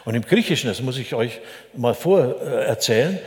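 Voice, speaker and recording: An older man preaches in a relaxed, folksy manner, keeping his listeners close with little asides and tag questions. His voice sits at a medium pitch. It carries through a roomy hall with a long, lingering reverb. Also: moderate pace. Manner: chatty, folksy, frequent "ne?" asides. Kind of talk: sermon.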